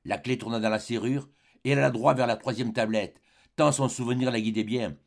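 A man narrating a literary audiobook in a measured, dramatic way, with short phrases and pauses. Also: medium pitch, fairly even intonation, vocal fry. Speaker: audiobook reader.

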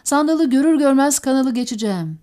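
A woman's voice: sits high, animated, a little fast, warm tone. Woman reading as a wounded, exhausted captain barking orders. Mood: urgent. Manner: terse, barked orders. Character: wounded exhausted male boat captain, curt.

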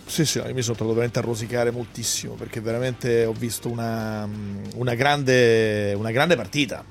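Italian guy on sports radio, casual chat, repeats himself searching for words, soft music behind. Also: mid-range voice, steady tone, brisk, gravelly. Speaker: radio sports show host.

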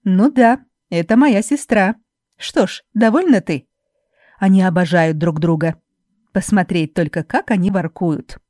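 A woman voicing a spiteful young laundress who loudly taunts and mocks her rival in an audiobook. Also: measured pace, no echo, studio quality. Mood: jeering. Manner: loud, mocking, shrill taunting.

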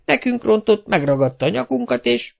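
Man putting on a squeaky high voice, whining hapless male watchman, storybook, nasal complaining tone. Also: very animated, creaky, full character voice. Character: whiny, dim-witted male night watchman.

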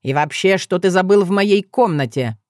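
A woman voicing a haughty, grumpy male frog shapeshifter with a creaky, squawking voice and an indignant, scornful manner. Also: fairly low pitch, moderate pace, dry recording, clean studio sound, lightly acted.

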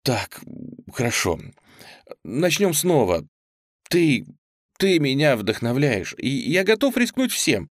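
A man's voice: medium pitch, big pitch swings, slow, long pauses, no echo, clean studio sound. A man voicing a clumsy young male cook who stammers and pleads in a flustered way.

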